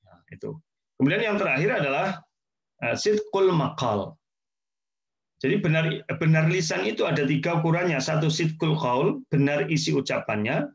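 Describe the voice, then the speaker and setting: A man giving a relaxed religious lecture, explaining points repetition and friendly asides. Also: a little high, moderate pace, gravelly. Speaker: Islamic teacher. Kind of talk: casual sermon lecture. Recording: dull lo-fi sound.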